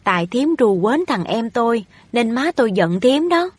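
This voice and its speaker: A woman's voice: on the high side, big pitch swings, normal speed, husky, no echo. A woman voicing a haughty wealthy young woman in a storybook reading, scolding and overbearing. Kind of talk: audiobook reading of a novel.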